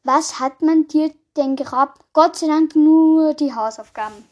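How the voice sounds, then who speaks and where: A woman's voice: sits high, a little slow, darkish tone, dull audio. A woman hosting a podcast, reading jokes aloud with small slips and casual asides. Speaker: podcast host.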